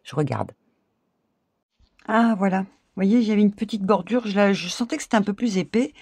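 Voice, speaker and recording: Middle-aged woman, chatty craft-tutorial host, husky dark voice, talks straight to viewers. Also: medium pitch, animated, fairly quick, no room sound. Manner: chatty, laughs often, addresses viewers directly. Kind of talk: casual craft tutorial talk.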